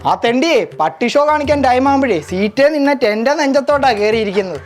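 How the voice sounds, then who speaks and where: A woman's voice: high voice, lively intonation, fast talker, darkish tone, faint music behind. A woman doing a teasing talking bike part.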